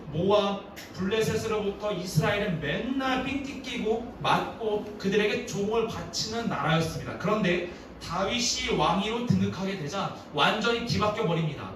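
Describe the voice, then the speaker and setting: A man with a high voice preaches to young people, telling the story in a lively, animated way. The sound comes from a distant mic and rings through a very reverberant hall, with faint noise in the background. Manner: storytelling, lively, acts out the quotes. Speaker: youth pastor. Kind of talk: sermon. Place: church sanctuary.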